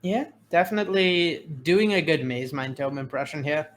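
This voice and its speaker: A man casting a card game match, giving color commentary in a measured, analytical manner with frequent fillers. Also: a little high, animated, slight background noise. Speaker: game caster.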